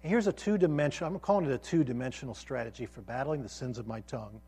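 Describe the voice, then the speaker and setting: A man's voice: mid-range voice, fast, dark tone, husky. A man teaching a sermon to a college group, earnest and emphatic, often restarting phrases and checking in with his listeners. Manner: frequent restarts and repeated words. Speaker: college ministry pastor.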